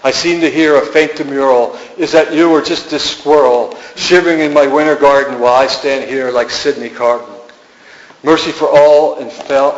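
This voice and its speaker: A man giving a poetry reading in an art gallery, with a musing, incantatory delivery and repeated refrains. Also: mid-range voice. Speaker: poet. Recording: echoey room, dull lo-fi sound.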